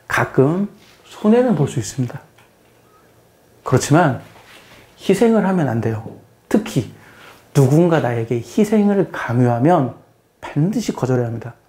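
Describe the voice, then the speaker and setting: Very animated and warm, with a fairly high pitch, a middle-aged math teacher delivers a casual spoken lecture at a moderate pace, pausing often. He explains plainly, repeats phrases regularly and keeps putting questions to the listener.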